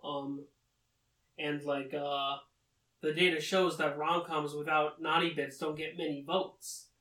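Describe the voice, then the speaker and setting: A man casually summarizing a manga story, talking haltingly with many fillers. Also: fairly high pitch, little pitch movement, bright, forceful tone. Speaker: manga recap commentator. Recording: roomy, distant mic.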